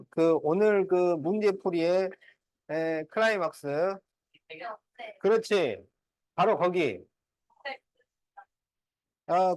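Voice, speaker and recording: There's no room sound around this man's high-pitched voice. Leading a math class, he takes problems step by step and keeps checking whether his students understand.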